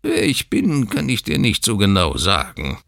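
A man's voice: lowish voice, wildly swooping pitch, moderate pace, vocal fry, a bit bright, dry recording, clean studio sound, voice pushed up, full character voice. A man voicing a whining, querulous old man who has just been born, in a storybook reading. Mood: whiny.

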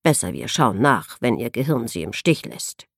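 A woman's voice: a bass voice, sing-song, normal speed, no echo, studio quality, voice pushed down, heavily acted. A woman reading the part of a blunt, tactless male company doctor in a stern, lecturing tone.

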